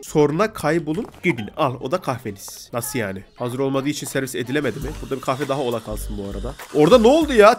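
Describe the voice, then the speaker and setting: Fast-talking man with a stuffy nose. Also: medium pitch. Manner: chatty, playfully bossing game customers around. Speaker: gaming video host. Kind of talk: casual let's-play commentary.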